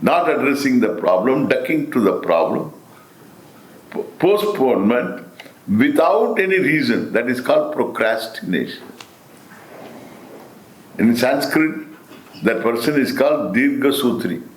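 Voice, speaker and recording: Slow Indian man teaching, swooping pitch. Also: very animated. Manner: deliberate, emphatic, with repetition and rhetorical questions. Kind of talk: spiritual discourse. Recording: roomy, echoing sound.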